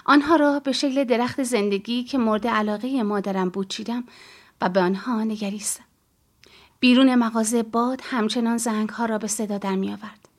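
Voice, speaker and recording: Female audiobook narrator, first person, calm and measured, slightly high voice.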